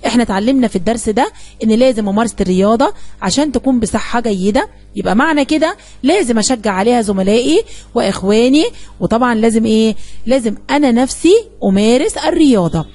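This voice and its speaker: A woman teacher with an Egyptian accent, talking at a quick clip in a slightly raised voice. She coaxes the class along, asking questions and answering them herself as she explains a grammar lesson. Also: fairly high pitch, lively intonation, darkish tone, no echo. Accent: Egyptian Arabic.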